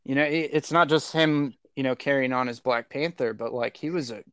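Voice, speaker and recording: A man hosting a podcast in a relaxed, chatty way. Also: mid-range voice, a little fast, smooth, dry recording. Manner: relaxed, chatty, laughs easily. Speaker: podcast host. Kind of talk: casual chat.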